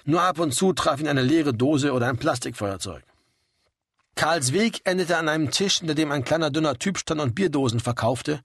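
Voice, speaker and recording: Man, storybook narration, husky, slightly high voice, dry close recording. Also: lively intonation, normal speed, dry recording. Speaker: audiobook reader. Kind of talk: scripted narration.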